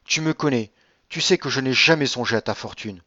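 A man's voice: medium pitch, a little fast, sharp tone, no room sound, dull audio. A man voicing a tender young woman pleading with her grandfather, in a raised voice.

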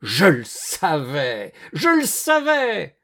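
A man voicing a suspicious old male landowner hunter who shouts and blusters, making angry accusations. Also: mid-range voice, sing-song, unhurried. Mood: furious.

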